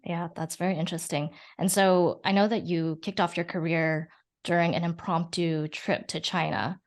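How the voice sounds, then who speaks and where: A woman's voice: on the low side, fairly even intonation, moderate pace. A woman interviewing a guest, asking long, winding questions with "you know" fillers. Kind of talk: podcast interview.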